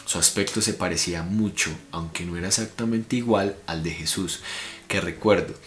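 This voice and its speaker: A man's voice: sits low, moderate pace, fairly bright tone. A man with a Colombian Spanish accent voicing an astonished male student of spiritual teachers, read aloud from a book in his own manner. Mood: amazed. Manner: plain read-aloud delivery. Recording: echoey room.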